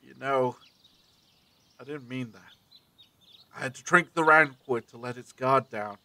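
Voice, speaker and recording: A man playing a brisk, secretive time-travelling adventurer in an audio drama, with a commanding, theatrical, abrupt manner. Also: mid-range voice, sharp tone, no room sound.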